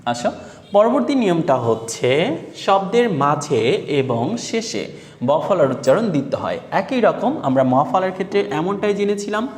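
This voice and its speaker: A man teaches a grammar lesson, breaking words into syllables and asking his students questions as he goes. His voice sits fairly high and moves around a lot. The room is echoey, with a long reverb trailing each phrase. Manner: spells words out syllable by syllable, then asks the class questions. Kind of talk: classroom lesson explaining spelling rules.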